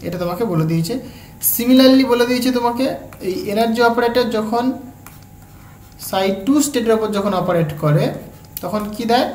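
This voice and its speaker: A woman with a Bengali accent giving an exam-prep physics lecture, breaking each step down slowly and checking in with her students as she goes. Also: fairly high pitch, a little mellow. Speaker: physics tutor. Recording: echoey room, faint background hum.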